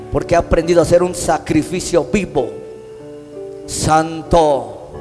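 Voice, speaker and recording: A Mexican man preaching a sermon as pastor, impassioned, his phrases swelling into sung, drawn-out lines. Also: on the high side, darkish tone. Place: church hall. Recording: long church-hall reverb with faint instrumental music.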